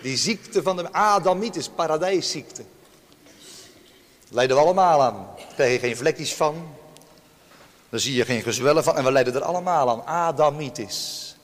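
A man preaching a sermon to his congregation, emphatic, with sharp swings in pitch and loudness. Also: moderate pace. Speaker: pastor. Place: church. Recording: long church reverb.

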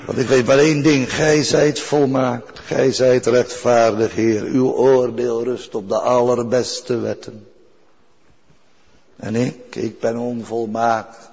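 A man's voice: mid-range voice, little pitch movement, takes it slowly, a little mellow, husky. An older man preaching a sermon in an earnest way, repeating key phrases for weight. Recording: dull recording with long church reverb.

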